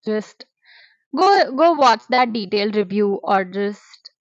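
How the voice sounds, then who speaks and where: A woman, talking through book reviews in a chatty, expressive vlog style. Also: mid-range voice, takes it slowly, no room sound. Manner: chatty, expressive, drops in Hindi words. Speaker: booktuber. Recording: dry, slightly muffled.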